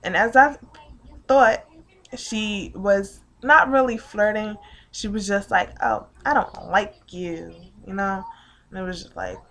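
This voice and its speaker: A young woman tells a story about her day straight to the camera in a casual vlog. She swears freely. Her voice jumps from loud, heated bursts down to low, mumbled asides, at a pitch in the middle range for a woman. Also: a little slow, a little hiss or hum. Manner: profane, animated, swings between loud outbursts and quiet muttering. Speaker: vlogger.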